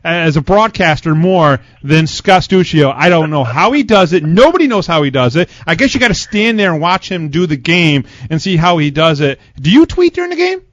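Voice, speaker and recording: Hosting a hockey interview on sports radio, this man is talkative, long-winded and given to joking. His fairly high voice is sing-song at a normal speed with few pauses and no echo, carried on dull, lo-fi radio sound.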